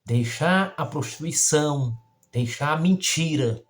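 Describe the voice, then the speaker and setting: A man with a Brazilian Portuguese accent preaching a Bible teaching as a missionary, emphatic and folksy, reading scripture slowly. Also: on the high side. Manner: slow, emphatic, folksy, reads scripture aloud. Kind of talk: sermon-style Bible teaching.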